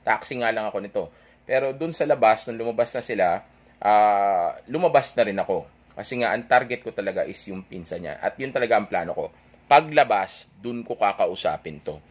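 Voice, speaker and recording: A man's voice: on the low side, animated, brisk. A young man telling an audience a dating story in a casual, rambling way, correcting himself and checking in with "okay?" after nearly every point. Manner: chatty, rambling, self-correcting.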